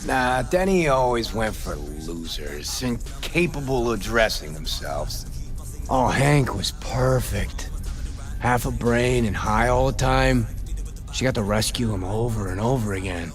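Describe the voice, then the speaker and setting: Man acting a jaded, wildly expressive aging rocker. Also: mid-range voice, measured pace, faint music behind, lightly acted. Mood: wistful, scornful. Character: jaded, foul-mouthed aging male rock musician. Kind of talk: video game dialogue.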